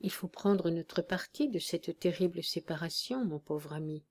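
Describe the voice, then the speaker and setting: A woman voicing a dying old male army captain who speaks in a weak, hushed, steady way with dry humour. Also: lowish voice, moderate pace. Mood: weary, tender.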